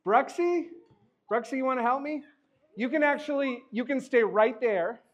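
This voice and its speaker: High-pitched man doing magic show patter. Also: moderate pace. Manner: joking, chuckling, encouraging banter. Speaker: magician performing a live show. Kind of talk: live stage patter with a volunteer. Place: live show in front of an audience.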